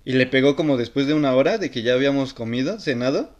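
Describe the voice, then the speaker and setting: A man's voice: medium pitch, animated, fast. A young man with a Mexican accent telling a story in laid-back, slangy casual talk. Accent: Mexican Spanish.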